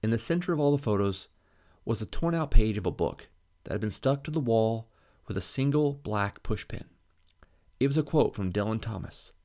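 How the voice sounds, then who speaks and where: A man narrates a novel in the first person, measured and even. His voice sits on the low side. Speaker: audiobook narrator.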